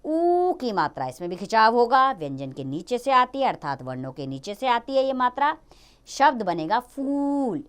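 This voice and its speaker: Clear-voiced woman teaching grammar to children. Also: a little high, big pitch swings. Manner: slow, drawn-out teaching of each letter and sound.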